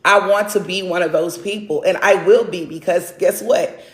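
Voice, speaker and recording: A woman in her forties hosts a livestream, delivering a casual, earnest motivational monologue rooted in her faith. She speaks in a lowish, steady voice at a moderate pace, often tagging her points with a questioning "right?" to check in. The room sounds echoey.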